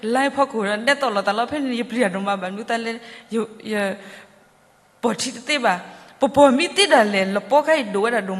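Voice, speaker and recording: A woman giving a sermon in a church, talking loosely with many pauses and fillers. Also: a little high. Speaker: preacher. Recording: long church reverb.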